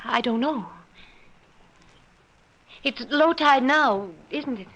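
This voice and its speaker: This woman's high, slightly bright voice comes through slowly and heavily acted, with lo-fi sound from a noisy old-time radio recording. She portrays a suspicious, anxious new wife in a 1940s radio drama, stumbling hesitantly over what she says.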